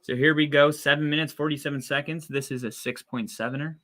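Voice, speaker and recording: A young man talks through a football game for his podcast audience in a bright, forceful voice. He is casual and chatty and gets excited and incredulous at the plays. His voice is a little worn from talking so long. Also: a little high, fast. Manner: chatty, excitable, rising to loud disbelief at plays. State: losing his voice. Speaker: podcast host doing live game watch-along commentary. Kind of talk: casual play-by-play chat.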